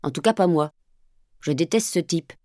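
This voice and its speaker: A woman's voice: lowish voice, moderate pace, mellow, no room sound, studio quality, close to an everyday voice. A woman voicing a scornful sullen teenage boy. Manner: curt, dismissive retorts.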